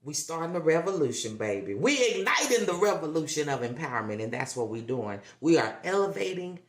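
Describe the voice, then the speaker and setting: A woman's voice: low voice, big pitch swings, brisk. A woman hosting a motivational livestream who talks emphatically, repeats herself for effect and keeps checking in with the audience. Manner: emphatic, repetitive, coaxing with tag questions. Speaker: livestream host. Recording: roomy echo.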